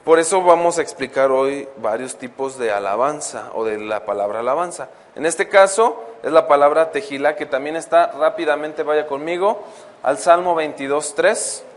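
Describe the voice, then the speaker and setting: A man teaching a Bible lesson as a preacher. He reads verses slowly and keeps asking the congregation questions. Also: fairly high pitch. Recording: long hall reverb.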